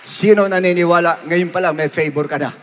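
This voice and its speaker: A man preaching a sermon as pastor, emphatic, dropping to quiet asides and rising to shouted exhortations. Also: sits high, steady tone, brisk, big-room sound, slight background noise. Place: large church sanctuary.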